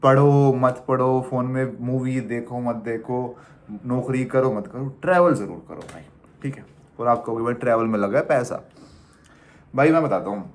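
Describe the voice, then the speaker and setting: A young man in his twenties, a travel vlogger from India, talking casually and animatedly to the camera. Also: medium pitch. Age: 20s. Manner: animated, chatty, teasing the viewer as "bhai".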